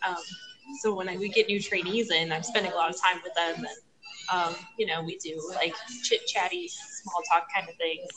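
A woman's voice: lowish voice, lively intonation, moderate pace, music in the background, poor audio. A woman co-hosting a podcast in casual chat, wry and hesitant with many ums. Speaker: podcast co-host. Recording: background crowd chatter.

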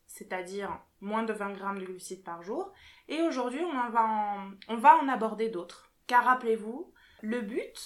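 A woman's voice: mid-range voice, a bit bright. A woman hosting a podcast, upbeat and guiding the episode. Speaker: podcast host. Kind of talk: casual podcast presentation.

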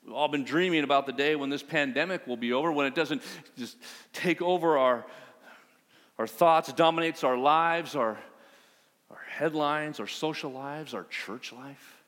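A man preaching a sermon as pastor, telling a story in a conversational, animated way. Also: a little high, normal speed, in a large hall.

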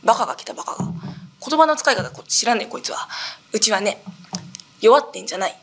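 A woman playing a gruff young townsman, rough-spoken and short with his pestering neighbor. She drops her voice and clips his words in this rakugo tale. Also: fairly high pitch, lively intonation, fast, slight background noise.

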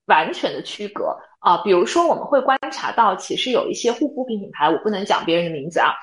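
A woman's voice: mid-range voice, expressive, fast, echoey room, low-quality recording. A woman co-hosting a podcast, explaining her views point by point in a casual analytical chat. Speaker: podcast co-host.

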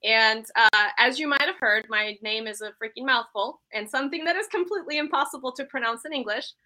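A woman in her thirties, originally from Iceland, talking as a guest on a podcast. Her voice is very bright and a bit high, and she chats casually and pokes fun at herself. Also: brisk, poor audio. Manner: chatty, self-deprecating, laughs easily. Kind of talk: casual interview chat.

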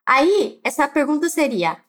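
A woman with a Brazilian Portuguese accent teaching Spanish in a clear, patient manner, coaching listeners to repeat after her. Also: high voice, very animated, a little slow, fairly bright tone. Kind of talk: spoken language lesson.

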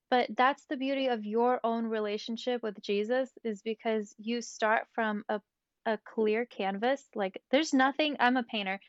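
A woman chatting casually about faith as a podcast guest, animated and rambling with many fillers. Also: a little high, no room sound, lo-fi sound.

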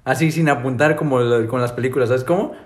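A man's voice: medium pitch, quick pace. A young man with a Mexican Spanish accent, telling stories in slangy casual chat and laughing often.

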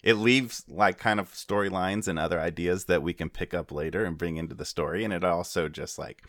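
A man with a very low voice in casual podcast chat, recorded dry and close. He explains in a relaxed way with many fillers. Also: fairly quick, no room sound.

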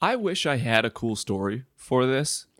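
A man's voice: mid-range voice, very animated, moderate pace, a bit bright, no echo. A man who is a woodworker, a guest on a podcast, telling stories with dry, wry humor. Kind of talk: casual interview chat.

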